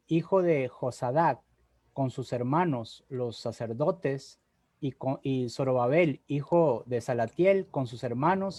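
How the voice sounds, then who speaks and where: A man on a video call reading Bible passages aloud, slowly and carefully. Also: mid-range voice, warm tone, no room sound. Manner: slow, measured reading. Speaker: assistant reading scripture.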